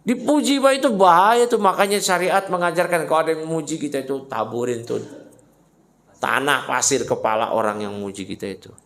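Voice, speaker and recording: A man's voice: on the high side, fairly quick, a bit bright. Fired-up male preacher in echoey hall. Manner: emphatic, fired-up, rhetorical questions, mocking asides. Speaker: Islamic preacher. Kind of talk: mosque study sermon.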